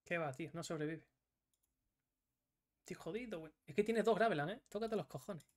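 A man's voice: high-pitched, brisk, darkish tone. Male streamer, frustrated self-scolding gameplay commentary, heavy swearing. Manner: swears often and scolds himself, in bursts of frustration.

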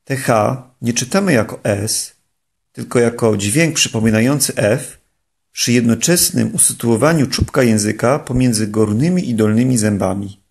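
Male language teacher, scripted, measured delivery, some fry and a raspy edge. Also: mid-range voice, a little mellow. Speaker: English pronunciation teacher. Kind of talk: scripted instructional narration.

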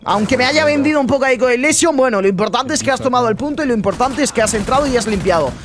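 A young man from Spain with a Spanish accent, chatting excitedly and casually to viewers while commentating his own gameplay. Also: very high-pitched, rapid-fire. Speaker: gaming YouTuber. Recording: noisy with game sound. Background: game sounds.

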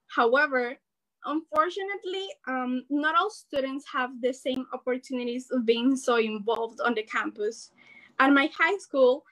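A teenage girl from El Salvador, a student organizer giving an earnest, animated rally speech over a video call from her bedroom. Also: sits high, rough recording. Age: teens. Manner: earnest, animated, gestures while speaking. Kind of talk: prepared speech. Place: bedroom at home. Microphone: laptop webcam on a video call.

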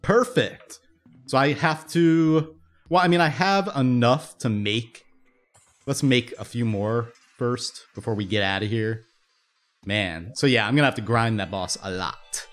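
Hoarse young man rambling over game music. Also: medium pitch. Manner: rambling, self-interrupting, upbeat. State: losing his voice. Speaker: gaming YouTuber. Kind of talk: casual let's-play commentary. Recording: faint game music behind.

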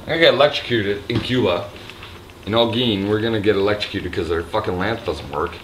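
A slightly drunk man with a raspy throat, rambling and swearing loosely in a casual vlog, filmed on a handheld camera in a resort hotel room. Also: lowish voice, brisk, fairly bright tone, a little hiss or hum. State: a little drunk. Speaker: vlogger. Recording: echoey room with faint ambience.

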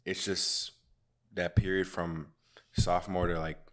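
A man's voice: low voice, flat delivery, unhurried. A young man co-hosting a podcast in casual chat, laid-back and trailing off into near-whispers. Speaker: podcast co-host.

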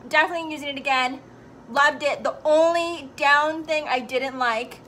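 A woman in her thirties talks chattily into a phone camera held at arm's length, filling pauses with ums as she walks through her day. Her voice sits a little high, and a faint noise runs under the recording. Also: pushed and bright. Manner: chatty, upbeat, many ums. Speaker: vlogger. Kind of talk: casual vlog walkthrough. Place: at home, then in a parked car.

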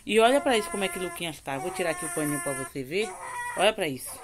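A woman's voice: on the low side, animated, rapid-fire. A woman with a Bahian accent chatting casually in a home vlog, cooking in her kitchen and cooing affectionately at a baby. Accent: Bahian Brazilian Portuguese. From Bahia, Brazil. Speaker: home vlogger.

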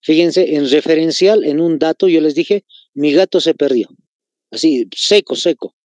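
Bolivian man, patient teacher, slightly high voice, dry close sound. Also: measured pace, a little mellow, dry recording. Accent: Bolivian Spanish. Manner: explains patiently, repeats key phrases, addresses students as chicos. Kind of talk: online class lesson.

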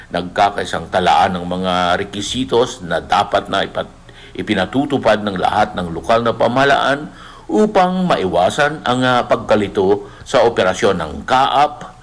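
A middle-aged Filipino man with a fairly low voice delivers a radio news report. He reads from a script in a halting way, with frequent hesitations.

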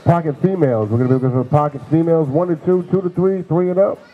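A man's voice: a little high, fast talker, narrow, tinny audio. Man calling classes at a dog show. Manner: loud, chanting calls of age classes. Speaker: show ring announcer. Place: large indoor show venue.

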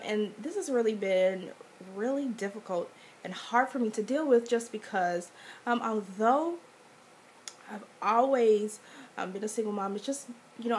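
A young woman with a sick, stuffy-nosed voice gives casual advice to camera in a vlog. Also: mid-range voice. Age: young adult. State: sick with a cold, congested stuffy-nose voice. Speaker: vlogger. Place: small indoor room. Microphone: webcam or laptop mic at arm's length. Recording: webcam audio with faint background noise.

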